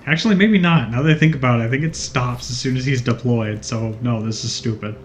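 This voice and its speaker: A man's voice: medium pitch, brisk, soft background music. Man explaining a game, dry and wry. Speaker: let's play commentator. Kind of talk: casual gaming commentary.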